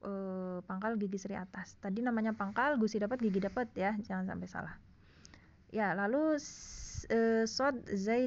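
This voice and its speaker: A woman's voice: mid-range voice, lo-fi sound. A woman teaching a recorded lesson, explaining casually and checking in often with her listeners. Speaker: Quran recitation teacher. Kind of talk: screen-recorded online lesson.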